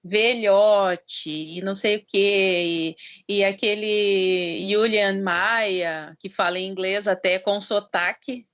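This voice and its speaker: A woman from the south of Brazil, a parent, asking a question on a video call. She speaks haltingly and searches for her words. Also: medium pitch, fairly even intonation, fairly bright tone. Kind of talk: webinar question. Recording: muffled video-call audio.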